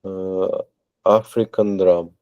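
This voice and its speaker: A man taking part in an online lesson as a student, naming words one at a time in a halting way, with long hesitations before each. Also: deep voice, fairly even intonation, no echo, muffled recording.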